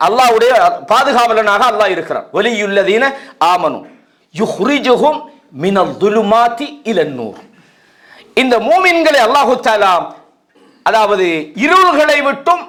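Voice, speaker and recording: A man preaching a sermon to a seated congregation, chanting verses slowly and then explaining them in everyday speech. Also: high voice, a bit bright. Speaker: Islamic preacher.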